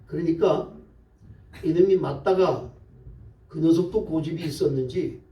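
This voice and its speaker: A male pastor preaching a sermon in a church, telling stories lively and asking the congregation questions. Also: a little high, measured pace, muffled recording. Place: church sanctuary. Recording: echoey church, voice from far off the mic.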